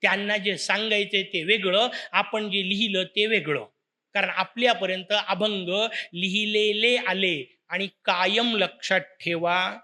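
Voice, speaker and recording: High-voiced man giving a devotional lecture. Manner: rhetorical questions, animated storytelling. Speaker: religious discourse speaker.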